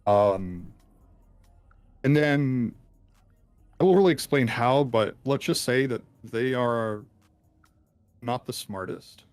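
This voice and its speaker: Hacker guest, male, voice run through a deep pitch-shifting changer, halting and rambly, dry close sound. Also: expressive, smooth, dry recording, faint music behind. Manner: hesitant, rambling, many ums and restarts. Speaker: interviewed hacker. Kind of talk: casual call-in interview.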